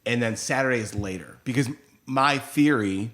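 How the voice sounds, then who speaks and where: A man's voice: medium pitch, moderate pace, a bit bright. A middle-aged man from upstate New York, a DJ, chatting as a podcast guest and acting out quotes in his stories. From Rochester, New York. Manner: chatty storyteller, acts out quotes. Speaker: DJ and radio host guest. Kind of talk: casual podcast interview.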